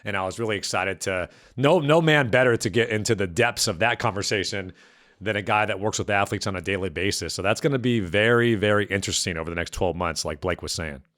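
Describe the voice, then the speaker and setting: Male podcast host, hoarse and raspy from illness, lowish voice, brisk chatty read. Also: a bit bright. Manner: fast, upbeat chatty delivery. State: hoarse from being sick. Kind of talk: casual podcast outro.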